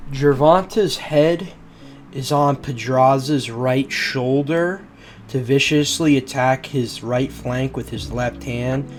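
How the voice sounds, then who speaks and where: A congested man with a bad cold hosts his channel's voice-over breakdown of a boxing fight, speaking at a medium pitch with slight background noise. He narrates casually, tossing in slangy asides and loosely restarting his sentences.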